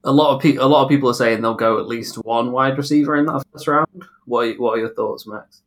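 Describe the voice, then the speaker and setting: A man's voice: medium pitch, a little fast. A man co-hosting a casual sports podcast, joking and laughing through his lines. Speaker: podcast co-host.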